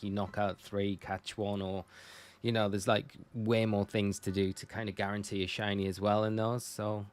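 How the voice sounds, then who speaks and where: A young man from Northumberland, chatting casually and rambling with viewers on a live stream. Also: fairly low pitch. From Northumberland, England. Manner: chatty, rambling, self-correcting.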